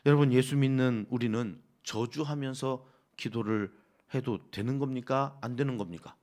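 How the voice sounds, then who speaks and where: A man's voice: mid-range voice, normal speed, darkish tone. A male pastor preaching expressively with rhetorical questions to the congregation. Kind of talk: early-morning sermon. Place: church sanctuary.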